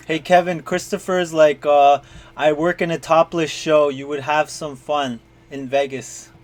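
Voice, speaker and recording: Teasing man with a raised pitch. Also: steady tone, unhurried. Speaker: stock YouTuber and live stream host. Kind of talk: casual stock-market chat on a live stream.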